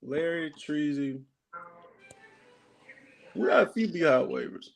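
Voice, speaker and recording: A man's voice: fairly high pitch, animated, slow, vocal fry, over music. A man in a casual group debate, speaking insistently and contradicting the others. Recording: noisy mic with clicks.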